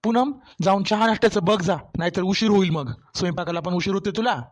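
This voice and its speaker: A voice actor playing a young married son and brother in a cartoon family story, placating and hurried. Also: medium pitch, lightly acted.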